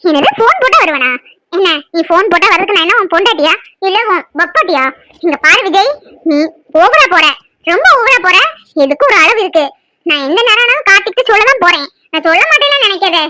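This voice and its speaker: A woman's voice: extremely high pitch, sing-song, fast talker, pushed and bright, a little hiss or hum, heavily acted. A woman voicing a frightened young wife in a cartoon, pleading and scolding by turns. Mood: angry. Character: frightened young wife, tearful and sharp-tongued. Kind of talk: cartoon voice acting.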